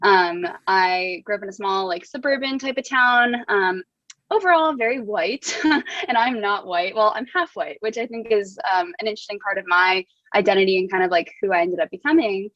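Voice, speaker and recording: A woman's voice: medium pitch, moderate pace, fairly bright tone, no room sound, muffled recording. A young woman from New Jersey, a guest author talking casually in an interview, full of "like" and "um". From New Jersey, USA. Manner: chatty, heavy use of "like" and "um".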